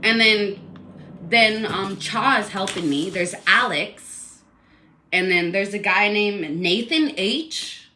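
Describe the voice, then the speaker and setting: A woman's voice: medium pitch, takes it slowly, sharp tone. A woman telling a personal complaint story in a casual, rambling, indignant way, full of fillers.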